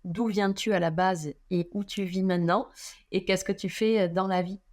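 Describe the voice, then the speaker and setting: A woman's voice: medium pitch, fairly even intonation, moderate pace, darkish tone. A woman hosting a podcast, asking long, rambling questions with frequent hesitations. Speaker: podcast host. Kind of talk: conversational interview questions.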